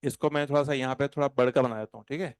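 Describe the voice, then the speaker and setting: A man teaching chemistry to a class. He talks in an animated, playful way and slows right down when he dictates notes. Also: medium pitch, clear, resonant tone. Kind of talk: classroom lecture. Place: classroom with students.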